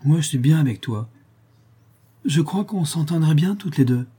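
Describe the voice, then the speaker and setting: A man reading aloud, voicing an earnest, self-reproaching young nun in a raised, husky voice. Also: a little high, expressive, moderate pace, dark tone, voice pushed up.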